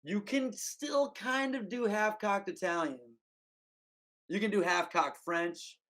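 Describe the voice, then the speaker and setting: A man's voice: high-pitched, slow pace, fairly bright tone. A man chatting as a podcast guest, rambling and emphatic, full of "like" and "you know". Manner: rambling, filler-heavy, emphatic. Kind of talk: casual conversation.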